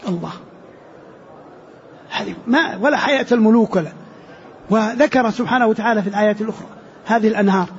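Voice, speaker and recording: A man teaching Quran commentary in a lesson, explaining slowly, repeating key phrases and asking rhetorical questions. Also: high voice. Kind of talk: classroom commentary on scripture. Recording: dull lo-fi lecture recording.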